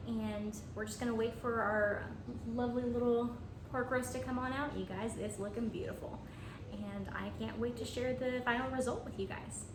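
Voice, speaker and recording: A woman's voice: on the high side, steady tone, moderate pace. A woman giving a casual cooking vlog walkthrough from her home kitchen in a friendly, chatty way. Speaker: home cook. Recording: echoey room, voice from a distance, noisy.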